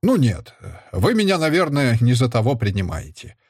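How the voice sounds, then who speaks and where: A jovial soldier uncle with a husky, hearty voice that bounces through a wide range of pitch, as a male narrator puts him on. He teases and jokes in a dry, close storybook reading. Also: wildly swooping pitch, normal speed, a little mellow, dry recording. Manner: hearty, teasing.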